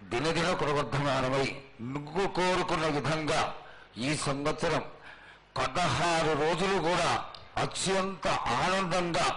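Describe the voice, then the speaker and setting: A man addressing a goddess as a priest, formal and reverent, in measured short phrases. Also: medium pitch. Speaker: priest questioning the oracle. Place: live temple festival ceremony. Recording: noisy live festival sound.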